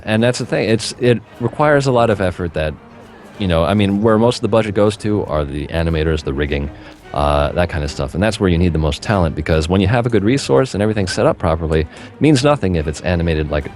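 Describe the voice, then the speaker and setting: A man's voice: low-pitched, expressive, fast, soft background music. A man hosting a gaming podcast, talking in a rambling, casual way and swearing freely. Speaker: podcast host.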